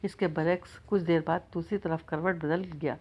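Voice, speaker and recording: A woman narrating a novel in a steady, measured reading. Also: fairly low pitch, lo-fi sound. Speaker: audiobook narrator.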